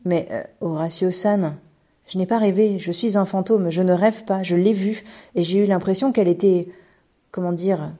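A woman voicing a timid, gentle old male ghost in a storybook reading, with a dull lo-fi sound. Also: lowish voice, fairly even intonation, normal speed, natural voice. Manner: timid, earnest. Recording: dull lo-fi recording.

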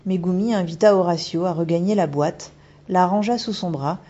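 A woman narrating a children's story audiobook in an even, clear storytelling voice. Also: lowish voice, moderate pace, dull audio.

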